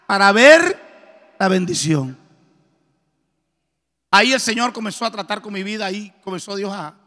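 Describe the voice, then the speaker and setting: A middle-aged man preaching a testimony sermon, telling his story in a lively way and acting out the dialogue. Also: sits high. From Colombia. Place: church. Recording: reverberant church hall.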